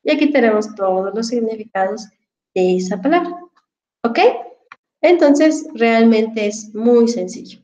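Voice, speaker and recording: This woman teaches English online and walks her students through a dictionary app over a headset, patient, formal with them, and full of fillers. Her fairly high voice is animated and dark in tone, her pace measured, and the audio quality is poor.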